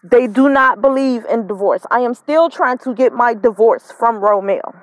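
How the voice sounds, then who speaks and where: A woman's voice: on the high side, normal speed, no echo. A woman in her thirties telling the story of her custody fight straight to camera. She is frustrated and near tears, and she repeats her points with emphasis. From not from Mississippi, lived up north. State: emotional, holding back tears, smoking. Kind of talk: casual direct-to-camera vlog.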